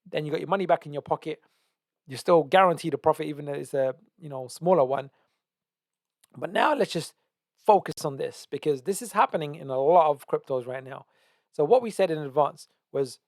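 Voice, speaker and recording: A man's voice: a little high, dry recording, studio quality. A man teaching trading, walking through a chart analysis with emphatic repetition and frequent "right?" checks. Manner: emphatic, repeats key words, asks "right?". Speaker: trading educator. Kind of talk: screen-share market analysis.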